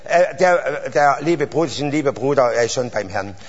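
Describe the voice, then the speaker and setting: A man's voice: mid-range voice, expressive, fairly quick. A man preaching a sermon into a handheld mic in a church hall, rambling through stories, then rising to fervent exclamations. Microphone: handheld microphone. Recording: dull echoey hall.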